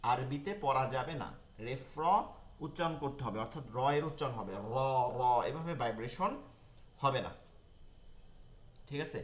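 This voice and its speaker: A man teaching an online Quran reading lesson, repeating key terms slowly and checking that his learners follow. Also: on the high side, a bit bright, echoey room.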